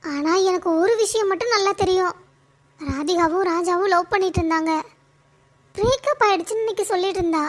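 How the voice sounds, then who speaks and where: A young female friend in a cartoon, her voice very high and gentle as she soothes and apologizes, voiced by a woman. She sounds sorry and eager to comfort. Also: a little fast. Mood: apologetic.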